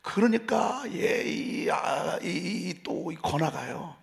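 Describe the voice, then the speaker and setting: Male pastor, middle-aged; animated, high-pitched dawn sermon delivery, swings loud to whispered. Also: slow pace, creaky. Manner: conversational preaching with rhetorical questions. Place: church sanctuary.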